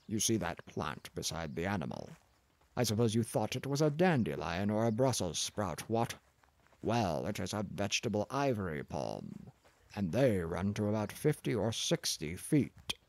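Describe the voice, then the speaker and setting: Reading an audiobook, a man plays a pompous, scornful older professor, blustering and talking down in a lecturing mood. His voice sits lowish and creaky, very animated, at a normal pace, with no room sound.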